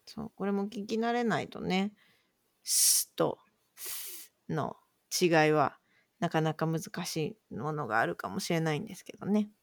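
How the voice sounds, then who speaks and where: A woman co-hosting a relaxed podcast chat, explaining things patiently and conversationally. Her pitch moves around a lot as she talks. The sound is close and dry. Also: normal speed, no room sound. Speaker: podcast co-host posing quiz words.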